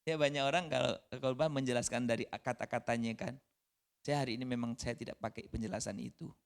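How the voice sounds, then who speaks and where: A preacher giving a conversational sermon, lively and acting out the dialogue. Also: mid-range voice, fast, creaky.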